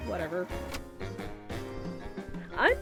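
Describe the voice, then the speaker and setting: A woman's voice: lowish voice, wildly swooping pitch, extremely slow. A woman giving casual commentary as she streams a game. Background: game music.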